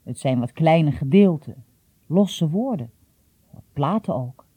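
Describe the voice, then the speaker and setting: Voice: mid-range voice, animated, takes it slowly, dark tone, slightly rough, no room sound. A reader voicing a shrewd, secretive old male gardener who talks in a confiding, mildly teasing way, in an audiobook. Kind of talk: audiobook reading.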